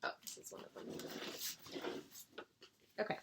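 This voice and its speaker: A woman chatting casually to her viewers about her stitching, gushing with excitable bursts and rambling restarts. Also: a little slow, noisy background. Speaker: cross-stitch vlogger.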